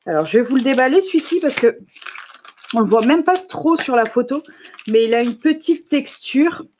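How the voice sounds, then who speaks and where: A woman's voice: high voice, lively intonation, dark tone, a little hiss or hum. Chatty woman demonstrating products live. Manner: chatty, enthusiastic, fills pauses with "hop" and "euh". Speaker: shop owner presenting new products.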